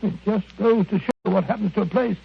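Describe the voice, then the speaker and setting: An actor playing a genial, bumbling British gentleman doctor in old radio drama style, eager, hesitant and blustering. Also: high voice, a little fast, creaky, slightly rough, full character voice. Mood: earnest. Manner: hesitant, blustering, chuckling storyteller. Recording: very muffled vintage radio recording.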